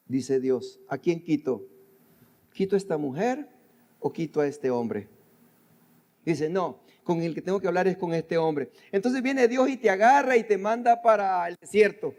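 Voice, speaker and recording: A man's voice: high voice, darkish tone, in a large hall. An older man preaching a sermon, talking to the congregation directly and often repeating his phrases. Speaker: pastor. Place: church sanctuary.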